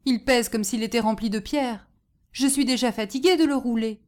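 A woman's voice: on the high side, lively intonation, normal speed, a little mellow, lightly acted. A woman playing a sly peasant trickster. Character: cunning poor male peasant, sly trickster.

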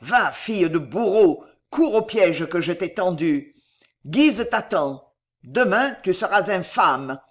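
A woman's voice: on the low side, lively intonation, slow. A woman voicing a brutal bohemian bandit who snarls cold threats. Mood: gloating.

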